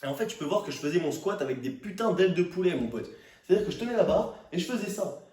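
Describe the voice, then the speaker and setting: A young man with a slightly high voice rants to camera like he is thoroughly fed up. His speech is casual, slangy and exasperated, with swearing. The microphone sits at a distance, and the room echoes around him. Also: expressive, quick pace, darkish tone. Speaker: fitness vlogger. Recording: roomy echo, distant microphone.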